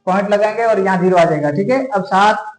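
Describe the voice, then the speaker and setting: Male math teacher, Rajasthani Hindi accent, high voice, keeps checking in with his students, recorded in a roomy, echoey space. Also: quick pace. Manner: addresses students repeatedly, checks for doubts. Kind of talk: classroom math lesson. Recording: echoey room.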